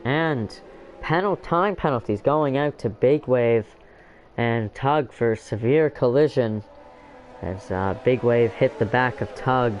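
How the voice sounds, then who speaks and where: A man's voice: medium pitch, slow pace, dull audio, slight background noise. A young man giving live commentary on a sim-racing league, rambling with many fillers and self-corrections. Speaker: race commentator.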